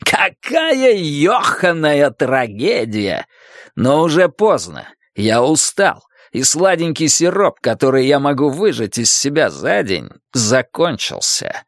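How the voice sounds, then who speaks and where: A man's voice: medium pitch, sing-song, measured pace, few pauses, dry recording, studio quality. A man voicing a domineering, scheming middle-aged male town boss in an audiobook. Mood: menacing. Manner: domineering and mocking.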